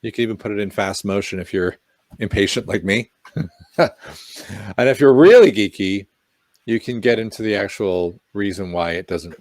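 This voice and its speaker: A man's voice: lowish voice, normal speed, no room sound. A man co-hosting a casual tech livestream, chatty and joking, wandering into tangents. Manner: animated, jokey, tangents. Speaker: podcast co-host.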